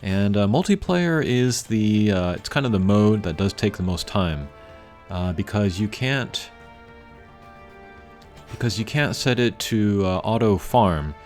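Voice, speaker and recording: A man with a fairly low, darkish voice commentates casually and unscripted on a video game. Low-key, he rambles a little and often pauses to think, with game music in the background.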